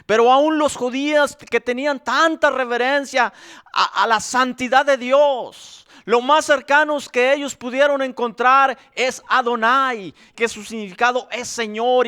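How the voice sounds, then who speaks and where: A male pastor preaching a sermon in a slow, emphatic way, repeating his phrases for weight. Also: very high voice, pushed and bright, smooth, no echo, studio quality.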